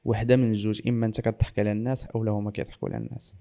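A man's voice: lowish voice, level tone, rapid-fire, creaky, dark tone. A man with a Moroccan Arabic accent, explaining as an interview guest and mixing in French and English loanwords.

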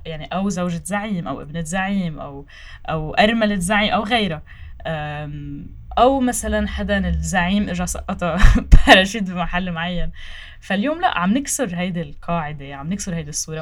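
A young woman with a Lebanese Arabic accent gives conversational interview answers, phrasing hesitantly and dropping in French words. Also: fairly low pitch. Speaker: political candidate.

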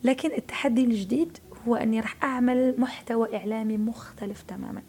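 A woman's voice: fairly high pitch, steady tone, fast, mellow. An Algerian woman in her thirties with an Algerian Arabic accent, a media personality talking emphatically as an interview guest and repeating words for stress. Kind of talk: casual interview talk.

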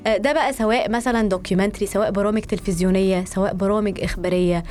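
A woman in her thirties, a journalist and producer, is a podcast guest in a conversational studio interview, speaking Arabic with an Egyptian accent and mixing in English words and phrases. Her mid-range voice is steady and darkish in tone, and she talks very fast. Soft music plays in the background.

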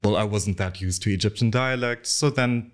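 Deep-voiced Dutch-accented man, thoughtful. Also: moderate pace. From Netherlands, raised in the UAE. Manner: thoughtful, frequent ums and restarts. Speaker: clinical psychologist guest. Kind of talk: interview conversation.

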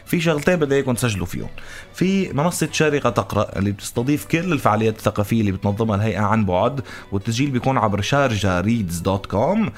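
A man with a Levantine, Lebanese Arabic accent hosting a morning radio show in playful, animated banter. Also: on the low side, very fast. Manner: animated, teasing, often laughing. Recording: music bed under studio voice. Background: background music.

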